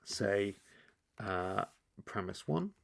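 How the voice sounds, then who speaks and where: Gravelly low-voiced man teaching. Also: extremely slow. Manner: relaxed, thinking aloud, frequent restarts. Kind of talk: explainer lesson while drawing.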